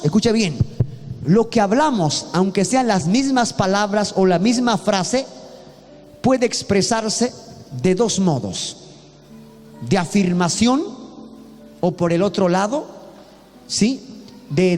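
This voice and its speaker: A man's voice: high-pitched, a little mellow, in a large hall. A man from Bolivia preaching a sermon as a pastor, talking earnestly and repeating himself with many restarts.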